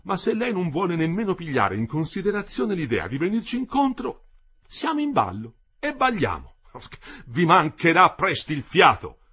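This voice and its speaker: A man voicing a calm young bricklayer who speaks to his boss in a steady, reasoned, firm way. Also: high-pitched, normal speed, husky, voice pushed up, exaggerated voice.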